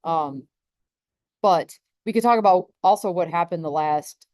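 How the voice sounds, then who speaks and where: A woman's voice: fairly low pitch, a little slow, darkish tone, no room sound. Rambling woman space weather host. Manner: rambling, many restarts and laughs. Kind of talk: casual live stream chat.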